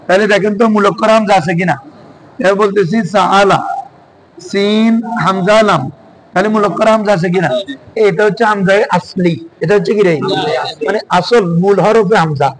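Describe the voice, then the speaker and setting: A man's voice: high voice, quick pace, a crowd in the background, low-quality recording. A male teacher, giving a classroom lesson and quizzing his students with repeated questions.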